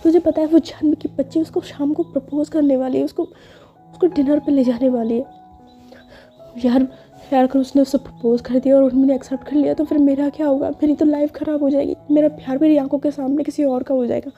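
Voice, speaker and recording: A woman's voice: sits high, steady tone, a little fast, warm tone, voice pushed up. A woman voicing a tearful, heartbroken young woman. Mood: tearful, pleading. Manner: pleading, breaking voice. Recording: slightly dull with faint music.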